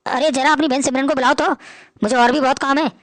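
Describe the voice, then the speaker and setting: Bossy rich son-in-law in a family drama, rapid and high-pitched, sneering at everyone. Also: female voice, fairly even intonation, fairly bright tone, dry recording. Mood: scornful. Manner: scornful, bossy. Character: arrogant rich male son-in-law, boastful. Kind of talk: Hindi family drama acting.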